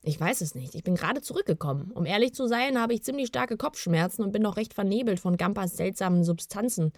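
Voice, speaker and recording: A woman's voice: mid-range voice, expressive, fast talker, no echo, clean studio sound, close to an everyday voice. A woman voicing a worried, bearded male kobold who talks in an anxious, urging way in a storybook reading. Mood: uneasy.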